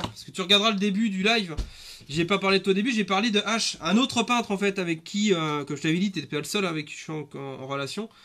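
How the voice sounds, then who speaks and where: Male streamer, 30s, high-pitched, loose rambling live chat with lots of fillers. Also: sharp tone. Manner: chatty, rambling with many fillers and restarts.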